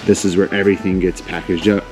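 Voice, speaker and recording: A man's voice: deep voice, flat delivery, fast talker, music in the background. A man in his thirties hosting a casual, upbeat walk-through tour of a large warehouse on a lapel mic. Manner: upbeat, enthusiastic. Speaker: vlog host.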